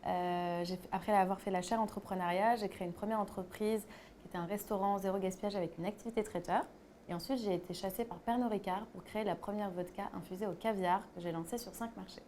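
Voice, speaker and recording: A woman's voice: medium pitch, steady tone, quick pace, a little mellow, slight background noise. A woman interviewing a candidate, introducing herself and asking brief, hesitant questions. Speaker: interviewer, alumna.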